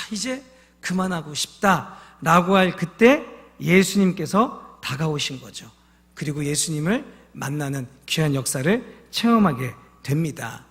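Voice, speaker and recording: A man's voice: high-pitched, fairly bright tone, long reverb tail. A man preaching a sermon as a pastor, telling stories with feeling and asking the congregation questions. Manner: emotional storytelling, asks the congregation questions. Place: church sanctuary.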